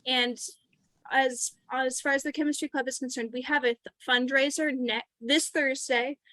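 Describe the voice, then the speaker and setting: High-voiced woman making announcements. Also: fairly even intonation, moderate pace, bright, forceful tone, no room sound. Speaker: chemistry club president introducing a speaker. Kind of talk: announcements and speaker introduction.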